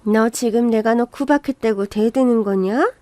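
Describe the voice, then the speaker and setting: A woman's voice: fairly high pitch, normal speed, dark tone, no echo, lightly acted. A woman voicing a bossy, scornful older mother-in-law who nags and scolds, as part of a radio story reading. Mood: scolding. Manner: scornful, nagging.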